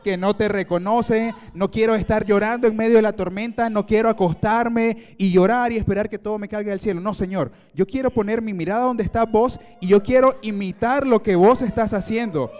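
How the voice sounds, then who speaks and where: Bold grown disciple Peter as a preacher puts him on, earnest, emphatic, high-pitched, long hall echo. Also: male voice, fairly quick, few pauses, a little mellow, close to an everyday voice. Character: bold adult male disciple Peter pleading with Jesus. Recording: reverberant church hall.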